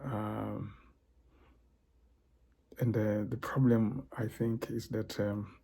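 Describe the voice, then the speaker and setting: This older Tanzanian man, a professor and cultural consultant, gives a solo talk in a warm, level, rather low voice. He stumbles along haltingly, with many fillers and repeated throat-clearing.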